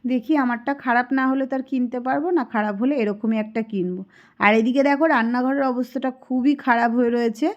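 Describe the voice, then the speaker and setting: A woman's voice: on the high side, fairly even intonation, a little fast, lo-fi sound. Chatty woman vlogging household chores. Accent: Kolkata Bengali. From Kolkata, India. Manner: chatty, homely, running commentary on chores. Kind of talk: casual home vlog narration. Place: home, indoors.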